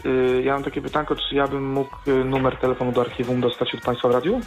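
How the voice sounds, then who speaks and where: A man's voice: mid-range voice, flat delivery, quick pace, soft background music. A polite male caller heard over a landline phone on a radio call-in show.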